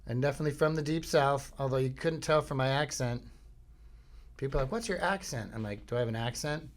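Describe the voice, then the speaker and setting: A middle-aged man from Florida hosts a podcast at home, talking fast in a mid-range voice. His monologue wanders and jokes around, and he cuts himself off to launch into goofy songs and impressions.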